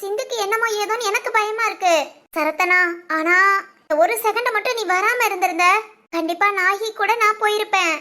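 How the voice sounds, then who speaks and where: A woman's voice: extremely high pitch, moderate pace, pushed and bright. A woman voicing an anxious, earnest young bride who talks sweetly and pleads in a family drama.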